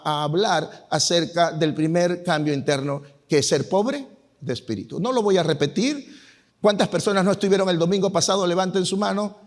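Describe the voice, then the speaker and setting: High-voiced pastor preaching to a congregation. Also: male voice. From Peru. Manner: asks the congregation questions and answers them. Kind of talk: sermon. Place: church sanctuary.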